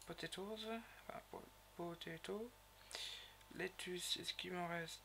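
A man's voice: high-pitched, steady tone, slow pace, creaky, noisy background. A man giving casual gameplay commentary as a video host, rambling and hesitant, with many fillers and self-corrections. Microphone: raised gaming mic.

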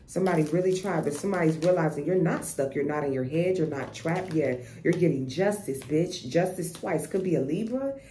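Woman tarot reader, blunt and profane, lowish mellow voice, echoey room. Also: expressive, fairly quick, few pauses. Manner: blunt, profane, repeats herself and restarts. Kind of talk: casual tarot reading monologue. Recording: echoey room with faint noise.

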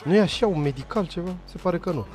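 A young man recaps an anime episode in a loose, joking way, heavy on slang and side comments. His voice sits a bit high and swings around a lot. Faint music plays behind him. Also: animated, a little mellow. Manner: slangy, joking, puts on quick voices for characters. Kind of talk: casual comedic recap narration.

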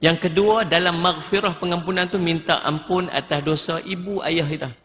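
A man's voice: on the high side, steady tone, moderate pace, a bit bright, big-room sound, slight background noise. Emotive Kedah-accented man lecturing. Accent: northern Malay, Kedah. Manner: emotive, coaxing, acts out tearful pleading prayers. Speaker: religious teacher. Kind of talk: religious seminar lecture. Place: mosque hall.

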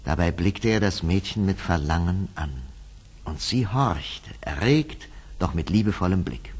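A low-pitched, husky male storyteller narrates a scripted fairy tale, measured and expressive, at times dropping to a hush.

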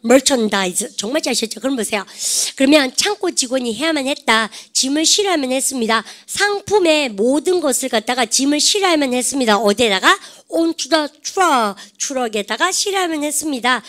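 A woman teaching an English grammar lecture, quizzing her class with lively rhetorical questions. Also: high voice, a little fast, hardly any pauses.

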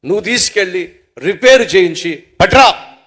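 A male preacher acting out a furious young man who shouts and scolds a friend over a ruined watch. His voice is raised and sharp, and he hammers out his demands. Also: sits high, lively intonation, moderate pace.

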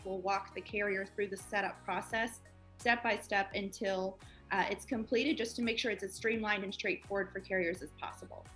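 A woman's voice: medium pitch, pushed and bright. A woman in her twenties, a guest on a company interview, explaining eagerly over a video call. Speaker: project manager guest.

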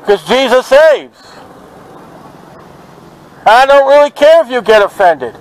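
A man preaching outdoors at a market, forceful and confrontational, quoting scripture to passers-by. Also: very high-pitched, very animated, takes it slowly, rough recording. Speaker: street preacher. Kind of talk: open-air street preaching. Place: outdoors at a city market by traffic.

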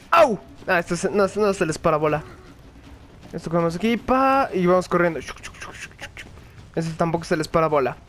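A young man giving excited, joking commentary while he plays a video game, often yelling and laughing. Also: very high-pitched, slight background noise. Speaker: gaming video host. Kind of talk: live gaming commentary.

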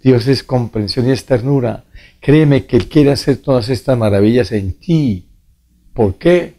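Priest telling a story slow and earnest, warm mellow voice. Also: male voice, mid-range voice. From Colombia. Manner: slow, earnest storytelling, addressing the viewer directly. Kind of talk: preaching testimony.

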